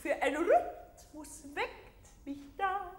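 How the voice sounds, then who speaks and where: A woman's voice: very high voice, big pitch swings, drawn-out words, very noisy, full character voice. A middle-aged woman playing an imperious, delusional opera diva in a theatrical stage drama, hammy and declamatory with sung flourishes. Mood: languid, grand. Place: large dark theatre stage. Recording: echoey theatre hall with long reverb.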